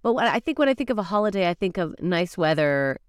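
A woman's voice: lowish voice, sing-song, fast, clear, resonant tone, no echo, studio quality. A woman with a Canadian accent co-hosting a casual chat in an effusive, enthusiastic manner. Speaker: co-host.

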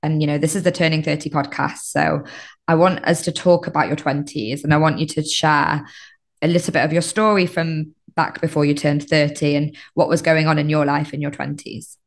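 A woman's voice: low voice, level tone, fairly quick. A woman hosting a podcast, chatting with her guest in a friendly, talkative way with many fillers. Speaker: podcast host. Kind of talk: interview chat.

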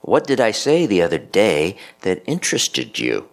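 A man voicing a gentle nun who speaks with patient reassurance. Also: low voice, wildly swooping pitch, normal speed, pitched above the performer's own voice, exaggerated voice. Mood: kindly. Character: gentle, hopeful elderly nun.

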